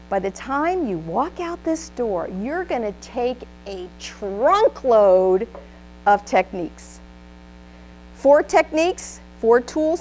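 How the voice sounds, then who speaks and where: Slow, emphatic woman training presenter. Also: a little high, darkish tone, slight background noise, low-quality recording. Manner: leads the audience in call-and-response; upbeat and emphatic. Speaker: presenter giving a trainer workshop. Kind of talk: motivational training speech. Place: room with a live audience.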